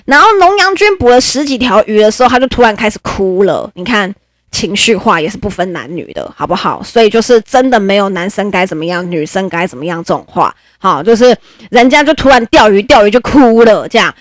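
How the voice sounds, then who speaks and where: A woman who hosts a podcast, telling stories in a chatty, animated way and laughing often. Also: mid-range voice, a little fast, no echo, studio quality. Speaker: podcast host. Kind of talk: casual storytelling podcast.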